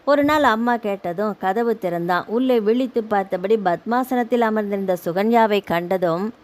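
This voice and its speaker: A woman reading a novel aloud as audiobook narrator in a steady storytelling delivery. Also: medium pitch, moderate pace.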